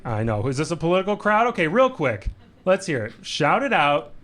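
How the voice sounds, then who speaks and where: A man's voice: on the high side, big pitch swings, brisk, fairly bright tone. A man performing stand-up in a comedy club, playful and self-amused, working the crowd. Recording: live club recording with audience noise.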